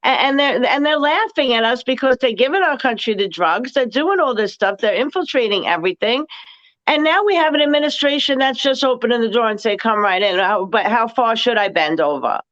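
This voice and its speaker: High-voiced indignant woman, muffled sound. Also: animated, fairly bright tone. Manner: indignant, rapid-fire, rambling. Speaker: talk show co-host. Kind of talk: political talk show chat.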